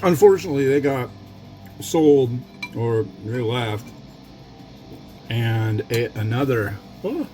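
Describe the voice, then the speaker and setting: A man's voice: medium pitch, animated, slow, pauses often, warm tone, soft background music. A man giving a casual, rambling food review as he eats, with a wry, off-the-cuff manner and frequent tangents. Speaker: food reviewer and mukbang host.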